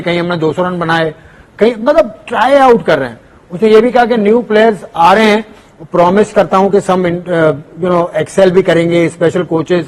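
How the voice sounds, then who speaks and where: Brief: fairly high-pitched male sports host, probing and needling. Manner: probing, teasing, pushes back. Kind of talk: interview.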